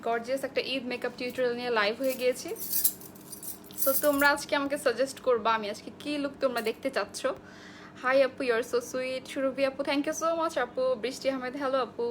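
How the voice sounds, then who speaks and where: A woman's voice: sits high, steady tone, fast, a little hiss or hum. A young woman from Bangladesh, a makeup artist, chatting through a live makeup tutorial, greeting viewers by name and mixing in English phrases.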